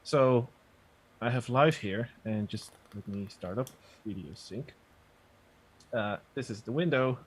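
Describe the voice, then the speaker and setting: A man guesting on a webcast over a video call, explaining and demoing software in a relaxed, hesitant way with many fillers. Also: medium pitch, unhurried, pauses often, husky. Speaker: guest software developer and producer. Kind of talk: casual explanation and demo. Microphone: video call, sits back from mic.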